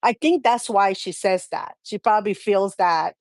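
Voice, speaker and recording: A middle-aged woman co-hosting a chat show, talking casually in an animated storytelling manner. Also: mid-range voice, moderate pace, dry recording, studio quality.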